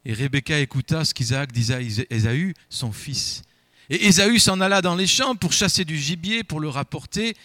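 A preacher man reads scripture and then explains it, his fairly high voice swelling and dropping for emphasis as he repeats his words. The sound is dry and close, with no room echo. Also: normal speed, bright, forceful tone. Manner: emphatic, rising and falling delivery with repeated words. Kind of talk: Bible reading and sermon.

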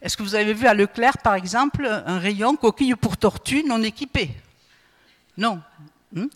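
A woman's voice: mid-range voice, normal speed. A woman preaching a sermon in a chatty way, often checking in with her listeners with a questioning "hmm?" and stumbling over repeated words. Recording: long hall reverb.

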